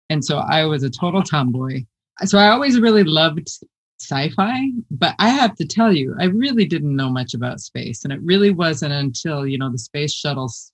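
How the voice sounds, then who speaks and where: A deep-voiced woman from the American Midwest tells her story as an interview guest. She's lively and chatty, laughing as she talks.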